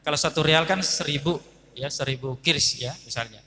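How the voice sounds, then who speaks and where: Bright-voiced man preaching in a reverberant hall. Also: a little high, moderate pace, slight background noise. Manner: storytelling, acting out dialogue, addressing audience as Pak. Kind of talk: sermon.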